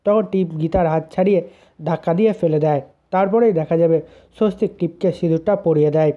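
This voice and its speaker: A narrator with a medium-pitched, brisk voice plainly retells an episode of a serial as a story. The recording sounds dull and lo-fi.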